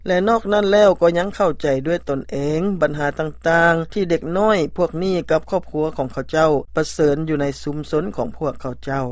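Male news narrator, Lao accent, slightly high voice, dry recording, scripted report delivery. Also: no echo.

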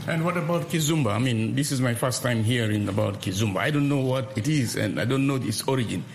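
A man's voice: mid-range voice, fast talker, gravelly, a little hiss or hum. A man presenting radio news and asking interview questions as the host.

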